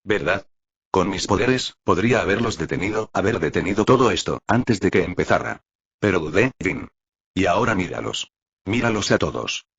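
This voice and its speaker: A man's voice: expressive, moderate pace, fairly bright tone, slightly rough, lo-fi sound, full character voice. A man doing a guilt-ridden young hero. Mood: anguished. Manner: low, self-reproaching delivery.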